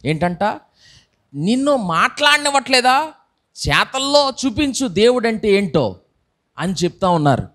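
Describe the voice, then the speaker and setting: Pastor, man, fairly high voice, animated preacher acting out voices, mic. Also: measured pace, long pauses. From India. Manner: lively preaching with acted-out voices and rhetorical questions. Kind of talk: sermon. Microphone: microphone.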